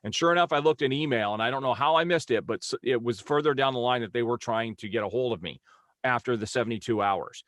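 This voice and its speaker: A man's voice: medium pitch, fast, fairly bright tone. A man in the middle of his range tells a long, exasperated story about being bounced around by customer service. His voice is close and dry, with no room echo. He keeps the tone of a casual rant, full of quoted dialogue. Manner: exasperated, retells phone calls with lots of quoted dialogue. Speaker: vlogger reviewing a company's customer service.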